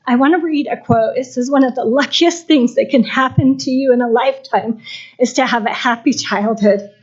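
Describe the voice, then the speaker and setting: A woman's voice: fairly high pitch, normal speed, a little mellow. An older woman giving an impassioned, pleading public comment at a school board meeting. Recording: dull lo-fi livestream audio.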